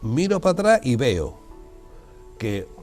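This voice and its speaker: An older man from Málaga, a guest telling his story in a relaxed, animated way, full of asides. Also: mid-range voice, measured pace, faint music behind. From Spain (Málaga). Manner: lively, animated, many fillers and asides. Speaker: guest, geographer. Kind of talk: casual conversational storytelling.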